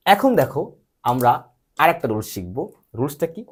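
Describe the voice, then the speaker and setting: A man leads a patient one-to-one lesson, his voice rising and falling in a lively, animated way. He keeps checking understanding with short questions and spells words out letter by letter. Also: mid-range voice, normal speed, slightly rough. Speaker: English teacher. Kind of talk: patient spoken lesson, quizzing a student.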